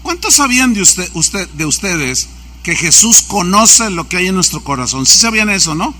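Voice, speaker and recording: Male pastor, high bright voice, storytelling sermon style. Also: sing-song, moderate pace. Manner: anecdotal, acts out quoted dialogue.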